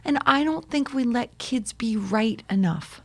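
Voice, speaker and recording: A woman's voice: fairly high pitch, expressive, unhurried. A woman in her forties talking frankly as a podcast guest, laughing often and swearing freely. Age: 40s. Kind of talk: candid casual conversation.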